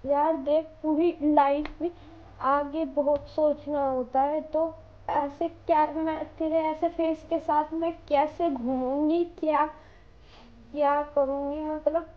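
A woman's voice: high-pitched, flat delivery, takes it slowly. A young woman in a prank video, talking hesitantly and trailing off as she reasons. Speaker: girlfriend in prank. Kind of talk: casual conversation. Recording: dull audio with faint background music.

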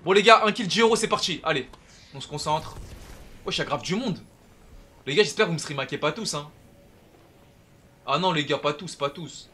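An excitable man live-streaming a video game, his voice bright and higher than most men's. His pitch leaps around as he hollers out to his viewers. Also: moderate pace, long pauses, a little hiss or hum. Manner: excitable, loud outbursts to viewers. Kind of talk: live gameplay commentary.

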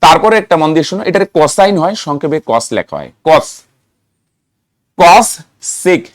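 A man's voice: a little high, animated, normal speed, no room sound, clean studio sound. A man teaching a math lesson, asking students questions, answering them himself and chanting terms to help memory. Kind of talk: classroom-style lesson to students.

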